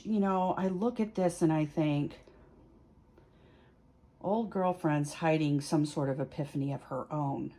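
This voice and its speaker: Doing a tarot reading for her video, this host talks casually to the camera, explaining as she goes and poking a little fun at herself while she thinks out loud. Her voice sits on the low side and has a darkish tone.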